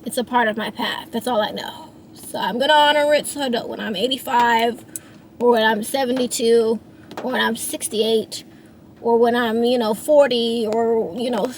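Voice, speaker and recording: At a normal speed and with fairly even intonation, a woman in her thirties who sings and writes songs talks over her feelings in a reflective ramble. Her pitch is fairly high, she restarts frequently and uses fillers, and there's slight background noise.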